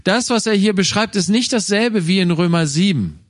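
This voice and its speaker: A man's voice: high voice, animated, normal speed, dry recording, studio quality. A man preaching a sermon, acting out inner voices in quoted lines.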